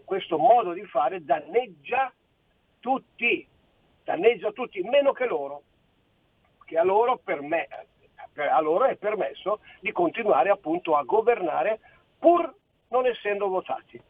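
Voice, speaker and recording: A man's voice: high voice, creaky, husky. A man in his sixties from Friuli Venezia Giulia, a caller phoning in to a radio show, rambling and indignant and repeating himself. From Friuli Venezia Giulia, Italy. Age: 60s. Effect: phone-in caller on a radio show. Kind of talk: heated political phone-in. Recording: tinny phone line.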